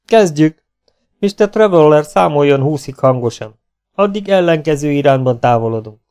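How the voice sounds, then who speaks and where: A man's voice: a little high, lively intonation, darkish tone, clean tone. A man voicing a cocky, self-assured outlaw gunslinger who taunts his opponents. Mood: mocking. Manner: mocking, self-assured and teasing.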